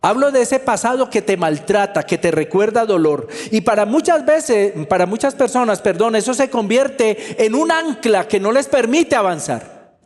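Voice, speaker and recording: A man's voice: high voice, animated, normal speed, in a large hall. A male pastor delivering a sermon with emphatic preaching that repeats key phrases for effect.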